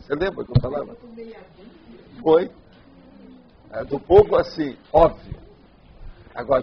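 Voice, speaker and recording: A man with a Brazilian Portuguese accent gives a rambling lecture, answering questions and asking again and again whether listeners follow. His voice sits a little high. The recording is dull and lo-fi. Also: slight background noise. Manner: rambling, checks understanding often. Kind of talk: informal lecture Q&A. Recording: dull lo-fi sound.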